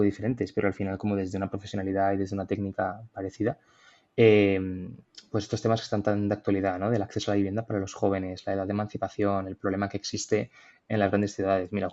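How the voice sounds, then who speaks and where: A man's voice: on the low side, a little mellow, lo-fi sound. A young man from Madrid with a Madrid Spanish accent, co-hosting a casual podcast conversation, thoughtful and hesitant with many fillers and restarts. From Madrid, Spain. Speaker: podcast co-host.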